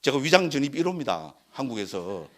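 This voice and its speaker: Animated older monk. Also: male voice, medium pitch, quick pace. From Korea, Gyeongsang region. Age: 60s. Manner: conversational, keeps asking the audience for agreement. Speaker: Buddhist monk lecturer. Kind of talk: Dharma lecture with personal story.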